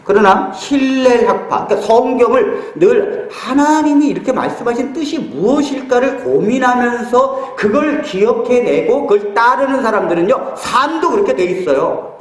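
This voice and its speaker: Animated high-voiced male pastor preaching. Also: moderate pace, hardly any pauses, echoey room, poor audio. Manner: storytelling with acted-out quotes, humorous asides. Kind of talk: sermon. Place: church hall.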